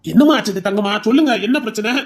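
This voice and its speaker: A woman playing an exasperated village council head, who talks in a brisk, scolding way. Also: medium pitch, lively intonation, darkish tone, breathy edge.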